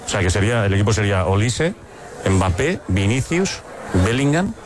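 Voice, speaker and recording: A man hosting a late-night sports radio show, talking quickly and joking with his guests. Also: on the low side, big pitch swings. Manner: quick, joking, laughs often.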